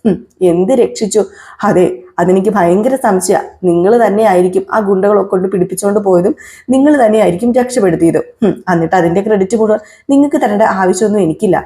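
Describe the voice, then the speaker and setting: A woman's voice: medium pitch, fast talker, warm tone, lightly acted. Woman doing a scoffing spiteful young woman. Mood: scornful. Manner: scornful, scoffing sniffs.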